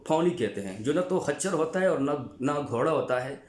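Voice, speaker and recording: A man's voice: on the high side, lively intonation, moderate pace, darkish tone. A male teacher from Pakistan giving a vocabulary lesson, repeating each word and spelling it out letter by letter. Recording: echoey room.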